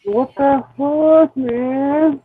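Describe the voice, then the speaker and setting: A man's voice: very high-pitched, steady tone, extremely slow, no echo. A man in casual live-stream chat whose voice comes through muffled and muddled, as if heard through a wall over a poor Bluetooth mic, swearing freely. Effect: muffled, muddled sound, as if heard through a wall. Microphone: Bluetooth microphone.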